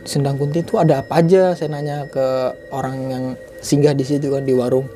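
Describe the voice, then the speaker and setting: A man's voice: medium pitch, level tone, brisk, dark tone, a little hiss or hum. A man in his twenties telling a personal story in a loose, chatty way. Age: 20s. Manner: chatty, loose, fills sentences with "gitu" and "Bang". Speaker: guest storyteller. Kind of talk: casual storytelling.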